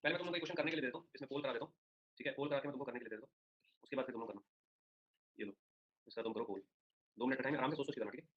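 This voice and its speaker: A man teaches a live online reasoning class at a quick clip. He jokes and chats with his students by name as he runs polls. The audio is a bit dull and lo-fi. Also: medium pitch. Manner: chatty, joking, addresses students by name.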